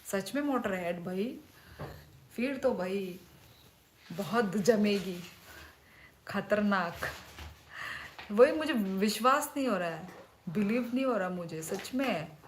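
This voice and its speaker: This livestream host is a woman in her thirties who speaks Kokborok natively, and she chats casually while reading out viewers' names. Her medium-pitched voice has lively intonation, goes slowly with frequent pauses, and carries a little hiss or hum.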